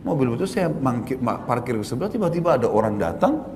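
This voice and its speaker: A man, an Islamic preacher, giving a conversational religious study lecture with everyday examples and Arabic phrases, his pitch jumping up for emphasis. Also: very animated, fast talker, darkish tone, a little hiss or hum. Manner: rises sharply in pitch for emphasis. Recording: reverberant hall with faint ambience.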